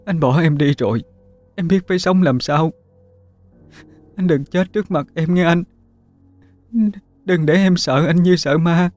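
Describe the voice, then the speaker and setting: A man's voice: unhurried, pauses often, darkish tone, dry recording, natural voice. This is a distraught young wife in a ghost-story audiobook, put on by a male narrator. Her voice sits far above his own and breaks with sobbing as she pleads. Faint music plays underneath. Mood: desperate pleading. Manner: sobbing, pleading, high and strained. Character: grief-stricken young wife begging her dying husband.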